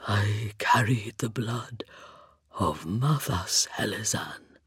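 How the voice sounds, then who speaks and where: A narrator voicing a solemn, devoted undead skeletal knight with a hollow, rasping voice and slow, grave, breathy whispers in an audiobook. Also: medium pitch, expressive, dry recording, studio quality, pitched below the performer's own voice, exaggerated voice. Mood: grave devotion. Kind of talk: audiobook character voice.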